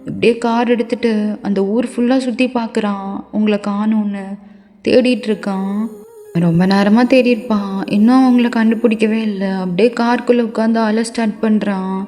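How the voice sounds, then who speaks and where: A woman's voice: a little high, fairly even intonation, moderate pace, dark tone, in a large hall. A woman narrating a fan-made story in the second person, speaking intimately to the listener as you.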